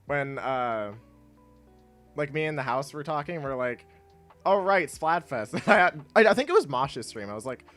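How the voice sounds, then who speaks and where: A congested young man chatting in a low-key, rambling way while streaming a game, laughing often. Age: young adult. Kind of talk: casual gameplay stream chat. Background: quiet game music.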